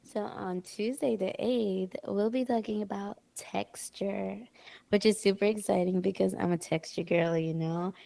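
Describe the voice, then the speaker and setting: A woman's voice: mid-range voice, steady tone, unhurried, creaky, warm tone, dry recording. A woman co-hosting a podcast in casual chat, playful and giggly. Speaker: podcast co-host.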